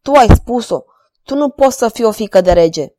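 A woman's voice: fairly high pitch, animated, no room sound, studio quality, natural voice. A woman playing a jealous, raging king. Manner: loud, impassioned, overwrought. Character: passionate, domineering middle-aged king.

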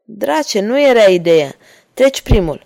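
A woman reading an audiobook, voicing a bold young male cavalier who speaks briskly and commandingly. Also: mid-range voice, big pitch swings, vocal fry, a little mellow. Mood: urgent.

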